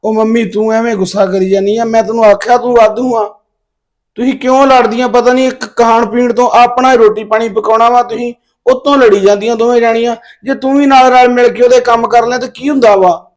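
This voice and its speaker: A man's voice: extremely high pitch, steady tone, brisk. An actor playing a young husband caught between his wife and mother, placating and pleading. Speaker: husband and son. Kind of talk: Punjabi family drama acting.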